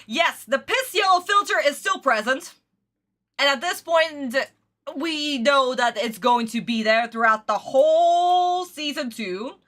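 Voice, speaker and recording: Bright, effusive woman streamer. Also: high voice, animated, unhurried. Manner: effusive, theatrical, uses endearments. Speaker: streamer reacting to anime. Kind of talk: casual livestream reaction chat.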